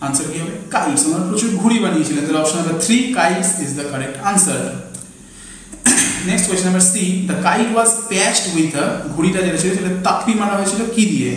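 Male teacher, high voice, dictates answers word by word, very echoey room. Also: animated, racing, hardly any pauses, slight background noise. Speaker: English teacher. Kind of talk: exam answer walkthrough.

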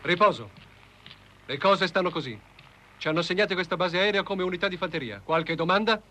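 An actor playing a brisk, curt army officer briefing troops in a dubbed film comedy. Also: male voice, high-pitched, bright, forceful tone. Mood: curt, official. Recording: old film soundtrack, background noise.

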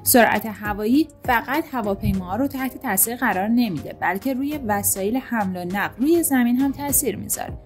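A woman reading a scripted science explainer in an even, read-aloud manner. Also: mid-range voice. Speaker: channel narrator.

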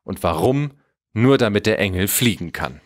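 A man narrating a German children's Christmas story in an expressive storybook manner. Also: fairly low pitch, normal speed.

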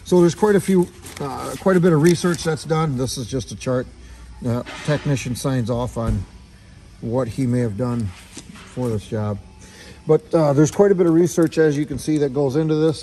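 A man's voice: mid-range voice, warm tone, a little hiss or hum. Man touring his auto body shop. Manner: chatty, filler-heavy explaining. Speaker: shop owner giving a tour. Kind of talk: casual walkthrough narration. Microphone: handheld phone camera.

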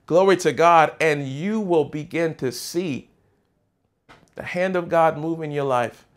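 Fervent preacher man, high voice. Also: measured pace. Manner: fervent, exclaiming and calling for responses. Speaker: pastor. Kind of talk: sermon. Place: church sanctuary.

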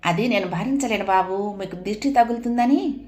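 A woman voicing a caring young wife who gently coaxes her husband, read aloud in a storybook. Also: mid-range voice, moderate pace, echoey room, lightly acted. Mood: coaxing. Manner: soft, coaxing.

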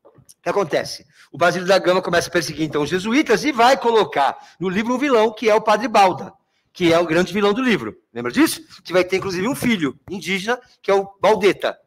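A Brazilian man with a Brazilian Portuguese accent teaches an exam review lecture on literature, talking fast in a high-pitched, expressive voice. He keeps checking that his students understand and addresses them with fond names.

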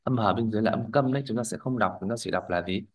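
A man's voice: fairly low pitch, racing, poor audio. A male language teacher, leading a classroom pronunciation drill. He models words, corrects students, and keeps checking that they follow.

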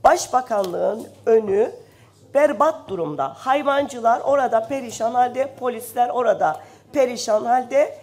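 A slightly ill woman member of parliament, her voice a little high and her pace measured, speaks at a rostrum microphone in the chamber. She grows impassioned and indignant, mounting to loud emphasis.

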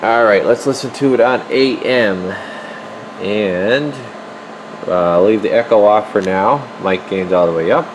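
A radio repair technician who hosts videos mutters to himself in a very slow, informal way while demonstrating hands-on work at an electronics bench. His pitch sits fairly low, and the handheld camera behind the lens picks up a noisy indoor workshop with steady equipment hum.

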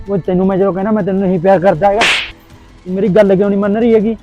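A man's voice: sits high, steady tone, racing, lo-fi sound, over music. A man acting in a short drama, insistent and defensive. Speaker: actor in a short Punjabi drama. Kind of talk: amateur short-film acting.

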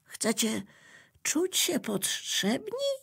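A woman's voice: fairly high pitch, sing-song, slow, breathy edge, voice pushed up, full character voice. A woman voicing a weary, reluctant male notebook in a children's story. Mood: glum. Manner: sighing and reluctant.

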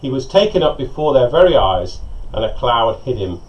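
A middle-aged man, a pastor, preaching a sermon and telling stories in an animated way, recorded on a lapel mic outside on a porch. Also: mid-range voice, normal speed. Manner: storytelling, animated, gesturing with hands. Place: covered porch outdoors by a lake. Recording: slightly dull sound with faint outdoor ambience.

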